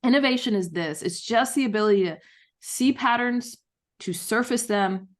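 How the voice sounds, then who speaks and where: A woman's voice: a little high, moderate pace. A woman author, a guest on a podcast interview, talking in an enthusiastic, storytelling way. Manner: enthusiastic, storytelling with acted quotes.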